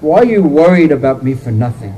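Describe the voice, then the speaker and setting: A man's voice: on the high side, very animated, fairly quick, warm tone, slightly rough, pitched below the performer's own voice, rough recording. A man voicing the young boy Krishna reassuring his mother, within a sermon. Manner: reassuring storytelling quote.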